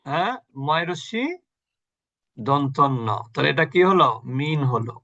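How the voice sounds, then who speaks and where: A man teaching Quran recitation rules in an online class, explaining patiently, quizzing his students and chanting example words slowly. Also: on the high side, expressive, sharp tone, highs cut off. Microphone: video call.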